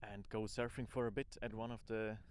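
A man's voice: lowish voice, little pitch movement, a little fast, a little hiss or hum. Casual man with a Swiss accent in English. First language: non-native English speaker. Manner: informal, rambling, thinking aloud. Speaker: amateur podcaster. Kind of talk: casual spoken audio diary.

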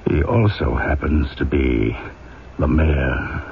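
Obsessive police inspector: very low, animated delivery, grave emphasis, tinny old radio drama sound. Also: male voice, slow, vocal fry, slight background noise, exaggerated voice. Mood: brooding.

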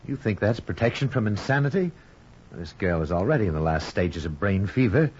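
An actor playing an earnest middle-aged doctor who speaks gently and soothingly, in 1940s radio acting on a muffled old transcription. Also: male voice, lowish voice, animated, brisk, breathy edge. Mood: concerned.

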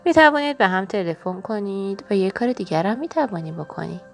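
Gentle caring father, voiced by a woman reader, patient, soothing, lively pitch. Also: gravelly, soft background music.

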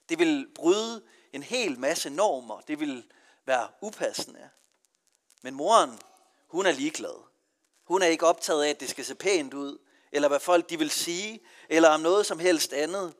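Male pastor from Denmark, earnest sermon delivery, slightly high voice, long church echo. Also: a bit bright. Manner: earnest preaching with marked rises and falls in emphasis.

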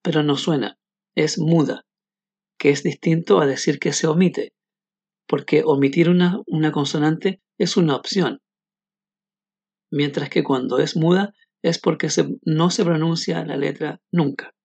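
A man teaching English pronunciation in a scripted podcast, explaining clearly and modeling words slowly. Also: a little high, steady tone, darkish tone, dry recording.

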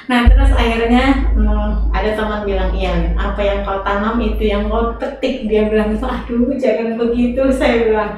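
A woman being interviewed, telling her story in an animated way and slipping English phrases in. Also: medium pitch, normal speed, far from the mic, noisy background. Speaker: interview guest. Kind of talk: conversational interview. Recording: echoey room, voice off-mic.

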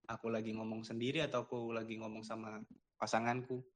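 A man hosting a casual conversation, agreeable and quick to affirm, sharing his own thoughts. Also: fairly low pitch, level tone.

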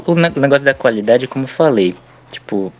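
A man hosts a podcast in a loose, conversational way. He talks through advice and memories in a relaxed, easy tone. Faint music sits behind the talk. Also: medium pitch, fast talker, lo-fi sound. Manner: relaxed, chatty, advice-giving. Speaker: podcast host. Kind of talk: casual podcast chat.

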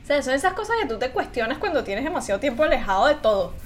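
A woman's voice: sits high, rapid-fire, slight background noise. A woman actress, chatting casually among friends and acting out the people in her stories. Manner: animated storytelling, acts out quoted people.

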